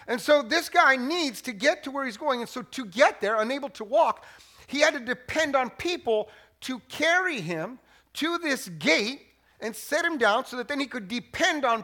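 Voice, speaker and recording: Guy preaching a sermon, high voice, jokey and chatty, lots of restarts. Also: pushed and bright. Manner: conversational and joking, with frequent restarts. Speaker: pastor.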